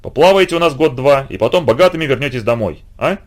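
A man's voice: mid-range voice, lively intonation, fast, pitched above the performer's own voice, lightly acted. A man voicing a jovial, pushy middle-aged American colonel who talks hearty and coaxing. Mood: persuasive.

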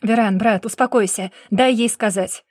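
A woman reading aloud plays a young husband shielding his wife, steady and firm, keeping the others calm. Her own fairly high voice carries him, recorded dry and close. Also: moderate pace, no echo, close to an everyday voice.

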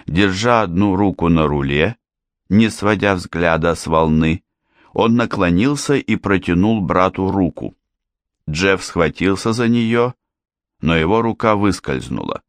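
Male thriller audiobook narrator, very low voice, dry close sound. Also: dry recording.

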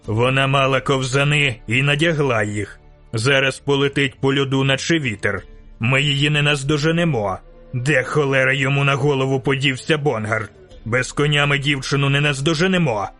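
A man's voice: mid-range voice, moderate pace, bright, forceful tone, soft background music, natural voice. Guy reading a worn-out stubborn merc boss, pushy and clipped, audiobook. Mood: frustrated. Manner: insistent, clipped orders. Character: tired dogged male mercenary leader.

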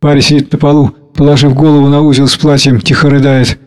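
Guy reading play directions, steady, kinda high voice. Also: quick pace, clear, resonant tone. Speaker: reader.

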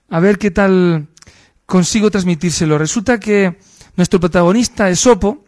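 A man's voice: high-pitched, a little mellow. A man hosting a radio show, telling a story aloud in a thoughtful, hesitant way with fillers.

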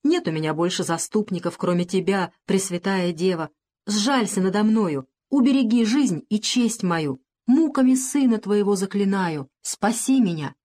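A woman's voice: medium pitch, lively intonation, moderate pace, warm tone, natural voice. Woman reading a young pleading slave girl. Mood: desperate prayer. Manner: pleading, tremulous. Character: young enslaved woman, gentle, pleading and devout. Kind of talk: audiobook character reading.

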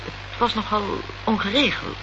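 This dull, noisy old recording comes from a Dutch radio play. The actress, at a medium pitch and a little slow, acts lightly as a formal, evasive, cool and guarded woman belonging to a political movement.

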